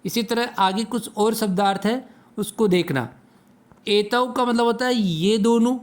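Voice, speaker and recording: A man teaching a Sanskrit lesson to children, patiently asking questions and answering them himself. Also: high voice. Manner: slow, patient, asks and answers own questions.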